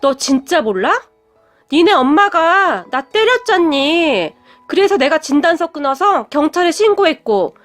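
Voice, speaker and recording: A haughty, wealthy middle-aged mother sneers and scolds in a high, drawn-out voice, as a woman narrator puts her on. She looks down on everyone and lets each insult linger. Soft music plays underneath. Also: lively intonation. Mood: sneering haughty.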